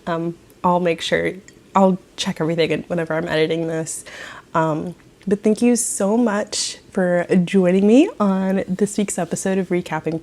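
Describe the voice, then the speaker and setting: A woman hosting a knitting podcast, chatting casually and giggling, keeping her voice quiet in her morning voice at home. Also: fairly low pitch. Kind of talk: casual chat.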